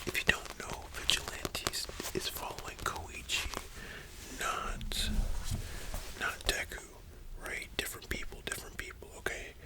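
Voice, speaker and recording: An ASMR host whispering softly in a library-style whisper, chatting informally with slangy, opinionated fan commentary. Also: low-quality recording. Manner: soft unvoiced whispering throughout.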